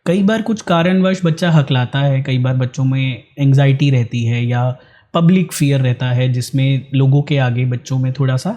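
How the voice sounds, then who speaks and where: A man, an ENT doctor, calmly answering interview questions and mixing Hindi with English phrases. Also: medium pitch, moderate pace, a little hiss or hum.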